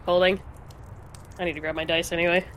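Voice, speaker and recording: A woman's voice: fairly low pitch, flat delivery, fairly quick, a bit bright, a little hiss or hum. A woman narrating as game master of a tabletop game, loose and profane, laughing often.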